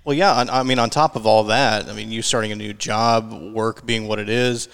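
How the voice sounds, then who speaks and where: A man's voice: fairly low pitch, steady tone, brisk, creaky, fairly bright tone, clean tone, in a large hall. A man chatting casually and asking questions as part of a podcast crew in a large living room. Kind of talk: casual chat.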